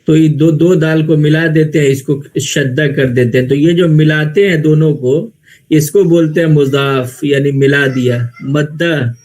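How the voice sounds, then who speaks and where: A man explains Arabic grammar to a class in Urdu, with an Indian Urdu accent and a highish, darkish, steady voice. He proceeds slowly, step by step, asking questions aloud and answering them on his own.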